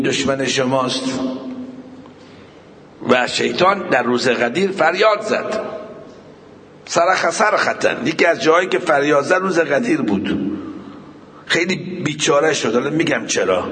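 A man giving a religious sermon. He recites scripture slowly, then explains it plainly, and speaks to his listeners directly. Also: on the high side, fairly bright tone, in a large hall. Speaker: preacher.

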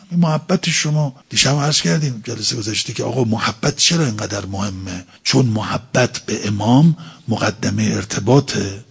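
Man preaching, gravelly voice, very raspy, rhetorical questions. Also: lowish voice. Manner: explains by asking and answering his own questions. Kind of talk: sermon.

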